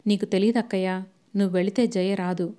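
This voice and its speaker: A woman reading the part of an agitated young husband who snaps back in quick, heated retorts. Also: mid-range voice, steady tone, dark tone, lightly acted. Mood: angry.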